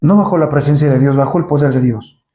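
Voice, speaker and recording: A man's voice: medium pitch, fast, dark tone, reverberant. A man preaching a sermon in a church, asking the congregation rhetorical questions and acting out Bible scenes.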